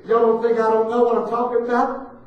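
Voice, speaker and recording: High-pitched preacher in an echoing church. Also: male voice, muffled recording. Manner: swings from hushed to shouting, rhythmic repetition. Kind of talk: fiery church sermon. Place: church sanctuary. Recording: echoey hall, preacher far from the mic.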